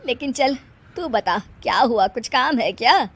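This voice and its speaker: A woman's voice: on the high side, lively intonation, unhurried, a bit bright, husky, full character voice. A woman voicing a weary, wry, grumbling older mother-in-law in a moral story. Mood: wry, surprised.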